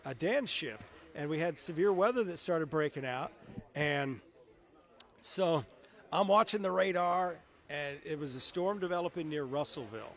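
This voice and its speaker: Speaking a little high and animated, at normal speed, a middle-aged meteorologist from television shares anecdotes in a casual, conversational interview.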